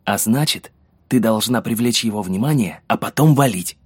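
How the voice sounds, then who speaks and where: A woman voicing a calm young male soldier who reports in a hushed, matter-of-fact way, in an audiobook. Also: rumbling low, moderate pace, husky, no echo, voice pushed down.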